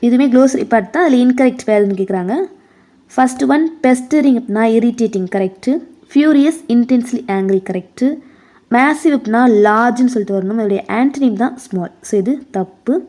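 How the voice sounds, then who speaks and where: In a fairly high-pitched but dark-toned voice, a Tamil-accented woman teaches exam preparation, reading out English questions at a slow pace and switching to quick Tamil for the explanations.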